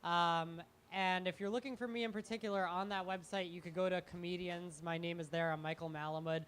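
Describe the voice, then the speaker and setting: A young man, a comedian and guest, speaking in a halting, rambling, self-deprecating way on a live talk show. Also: high-pitched, steady tone, a bit bright, smooth. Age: young adult.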